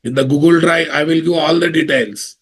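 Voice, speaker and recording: A software instructor with a Telugu Indian English accent teaches an informal live online class, repeating phrases and asking questions to check understanding. His voice is slightly high and husky, and he speaks fairly quickly.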